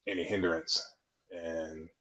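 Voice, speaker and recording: A man in his twenties, an air traffic controller trainee, answers casually as a podcast guest in a low, slightly bright voice with little pitch movement and a slow pace. He explains things conversationally, often saying "you know," and the audio is dull, muffled, and lo-fi.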